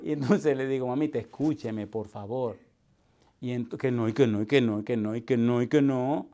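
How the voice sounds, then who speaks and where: Animated male preacher telling stories. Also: mid-range voice, moderate pace. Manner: animated, repetitive, drops to a hushed voice for quoted dialogue. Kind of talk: humorous storytelling sermon.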